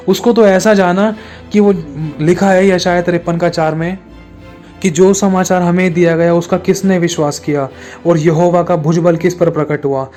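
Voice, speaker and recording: A man preaching an emotional testimony, his tone somewhat high but mellow and held to a narrow, flat range. He circles back on pleading phrases again and again. Soft music plays faintly behind him. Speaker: pastor. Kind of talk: testimony sermon.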